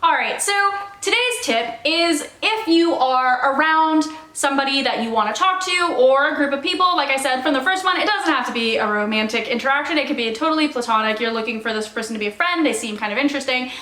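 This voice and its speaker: A woman's voice: high-pitched, animated, fast talker, hardly any pauses, pushed and bright. A young woman co-hosting a comedic advice chat, playful and mock-serious in her delivery. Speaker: co-host. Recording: echoey room.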